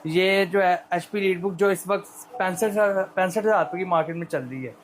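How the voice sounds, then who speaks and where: A male shop seller with a Pakistani accent giving an unscripted, persuasive sales pitch in repetitive patter. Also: brisk, slight background noise, low-quality recording.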